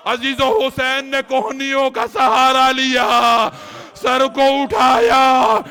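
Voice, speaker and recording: A man delivering a mourning sermon as a religious orator, in an impassioned, lamenting way with drawn-out cries. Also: very high voice, pushed and bright, clean tone, shouting, a faint crowd.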